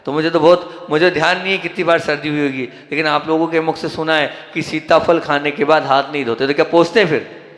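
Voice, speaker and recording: The man talks quickly, his fairly high voice a bit bright and his intonation fairly even. He's a central Indian Jain monk delivering a discourse in an echoey hall, conversationally asking questions of his listeners and responding to them himself.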